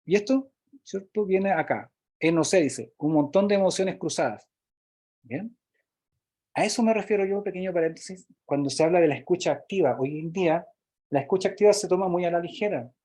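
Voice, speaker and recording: Husky-voiced man teaching a workshop. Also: sits high, a little fast, dark tone. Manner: explanatory, frequent tag questions. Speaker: workshop instructor. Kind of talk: recorded online workshop lesson.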